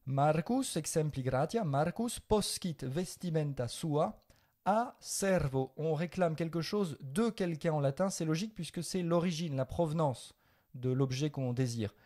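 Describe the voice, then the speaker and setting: A man from France leads a living Latin lesson, switching between Latin and French as he explains. His voice is mellow, and he corrects mistakes patiently. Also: on the high side, animated, measured pace. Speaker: Latin teacher. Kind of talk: spoken language lesson.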